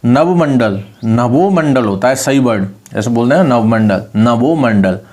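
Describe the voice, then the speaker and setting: A man with a Rajasthani Hindi accent teaches an online spelling class. His voice sits at an ordinary middle pitch. He says each word again and again, lifting his voice on the correct spelling. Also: normal speed, darkish tone. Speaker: Hindi exam tutor.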